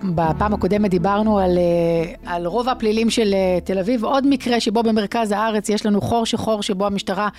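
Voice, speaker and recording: A woman with an Israeli accent giving conversational news analysis as an investigative journalist and co-host, pausing often mid-phrase. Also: mid-range voice, fairly even intonation, darkish tone, soft background music.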